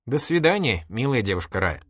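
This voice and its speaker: A man's voice: mid-range voice, very animated, fairly quick, no room sound, studio quality. A man playing a wry, polite young detective. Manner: polite, dryly humorous. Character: calm, wry young male police detective. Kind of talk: audiobook character voice.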